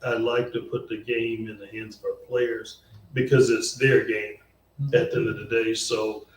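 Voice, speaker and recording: A man, a college coach, answers a panel question in a measured, even way. His voice stays flat with little rise and fall. He is picked up from a distance in an echoey hall with a faint hum. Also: lowish voice. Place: conference hall.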